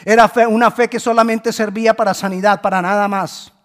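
A man preaching a sermon, moving between hushed pleading and loud emphatic calls, and acting out the voices in the stories he tells. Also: high-pitched, steady tone, brisk. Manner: acts out quoted voices in storytelling. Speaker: pastor.

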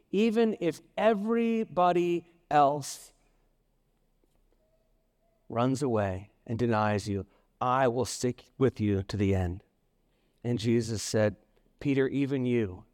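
A man's voice: medium pitch, darkish tone, in a large hall. A man preaching a sermon in a storytelling manner, acting out the voices of the people in his story. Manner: storytelling, acts out quoted voices. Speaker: pastor.

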